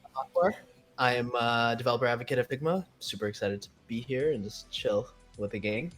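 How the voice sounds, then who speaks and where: Easygoing male co-host, mid-pitched voice. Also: brisk, fairly bright tone, faint music behind. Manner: easygoing, friendly. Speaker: developer advocate, co-host. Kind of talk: casual group livestream chat.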